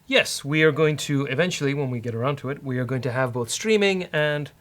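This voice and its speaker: A man hosts a casual live-coding walkthrough as a programming instructor, thinking aloud in a wry, hesitant way. His medium-pitched voice is brisk and a bit bright.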